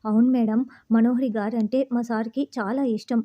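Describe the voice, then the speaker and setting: A woman's voice: fairly high pitch, steady tone, normal speed, dull audio, close to an everyday voice. A woman voicing a loyal male aide who rambles on, boasting about a lady to provoke the captors. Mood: boastful. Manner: rambling, over-praising.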